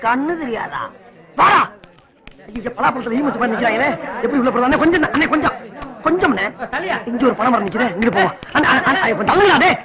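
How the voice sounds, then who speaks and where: A man's voice: extremely high pitch, expressive, fast, low-quality recording. An actor playing a pushy man who wails theatrically over a stranger's body in a comic film. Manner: whiny, theatrical wailing. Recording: crowd noise in the scene. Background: crowd.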